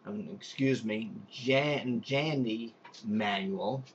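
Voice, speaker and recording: A slow, fairly low-pitched male voice belongs to a pool and spa technician with a Long Island New York accent. He rambles loosely through an unscripted how-to demonstration, full of restarts and fillers, and the recording sounds dull and lo-fi.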